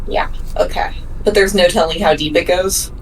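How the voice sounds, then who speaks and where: A woman's voice: on the low side, steady tone, moderate pace, recorded from a distance, slight background noise, rough recording. A woman playing a tabletop game, asking questions and thinking aloud in casual talk. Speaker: player.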